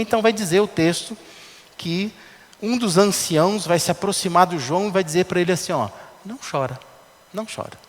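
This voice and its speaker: A pastor preaching in a conversational tone and stopping often to put rhetorical questions to his listeners. His voice sits a little high and his intonation rises and falls a lot. A long reverb trails behind him, as in a large hall. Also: a bit bright. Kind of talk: sermon.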